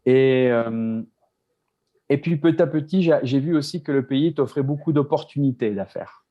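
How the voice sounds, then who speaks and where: A man's voice: medium pitch, normal speed, dark tone, lo-fi sound. A man from France, a business co-founder, talking casually as an interview guest, with many restarts and repeated words. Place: Mexico City.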